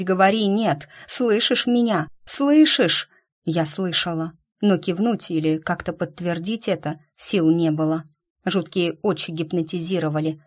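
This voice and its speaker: A woman reading a first-person fantasy novel aloud in steady storytelling narration. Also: lowish voice. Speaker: audiobook reader.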